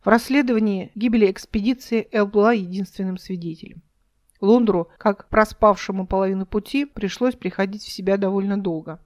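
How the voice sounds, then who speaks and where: A woman narrating her own science fiction audiobook in a measured, even reading style, voicing the dialogue only lightly. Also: mid-range voice.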